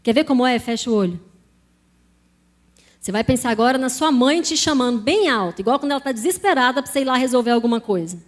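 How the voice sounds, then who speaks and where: Brazilian woman, sermon testimony, fairly high voice, talks straight to the congregation. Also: expressive, quick pace. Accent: Brazilian Portuguese. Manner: conversational, addresses congregation directly. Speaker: preacher.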